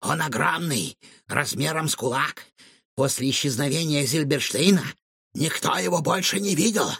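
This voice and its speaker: A man voicing an excitable bearded male cook who blurts out indignant outbursts. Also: on the high side, normal speed, creaky, breathy edge, no echo, studio quality, heavily acted. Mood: recalling.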